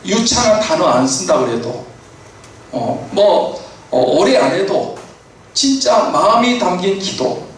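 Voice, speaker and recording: Male pastor, slightly high voice, casual sermon delivery; recorded from a distance with faint hiss. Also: very animated, slow. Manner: conversational preaching with frequent fillers and affirmations. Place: church sanctuary. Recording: echoey church hall from far off.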